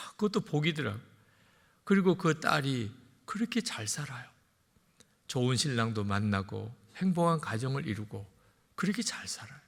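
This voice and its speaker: A middle-aged male pastor preaching a sermon in a lively way, acting out the voices of parents he quotes. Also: on the high side, vocal fry. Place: large church sanctuary. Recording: long hall reverb.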